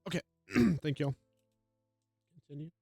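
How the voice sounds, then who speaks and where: A man's voice: fairly high pitch, fairly even intonation, moderate pace, mellow, no room sound, soft background music. A man running a tabletop game as game master, narrating and giving brief replies to players.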